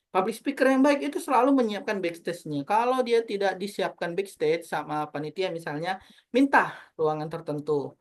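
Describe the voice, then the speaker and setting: A woman public speaking trainer teaching an online class, animated and always addressing her audience as friends, over a video call. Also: medium pitch, moderate pace.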